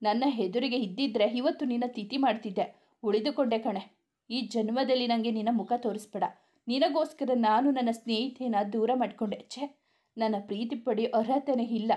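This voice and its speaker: A jilted young college man from a spoken story, hurt and bitter, voiced by a woman narrator. His lines come in a mellow, higher voice. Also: normal speed, close to an everyday voice. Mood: angry. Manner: shouting accusations, then tearful. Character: young male college student, heartbroken and furious.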